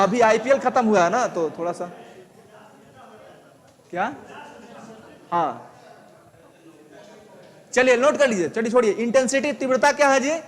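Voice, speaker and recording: Male teacher, very high voice, patient step-by-step explainer, reverberant room. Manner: explains step by step with repeated check questions. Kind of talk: live online lesson.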